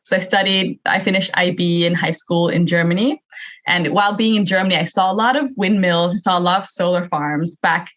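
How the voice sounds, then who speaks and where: Young woman, low dull recording. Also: fairly even intonation, brisk, fairly bright tone. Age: young adult. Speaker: podcast guest, youth energy advocate. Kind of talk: conversational interview answers.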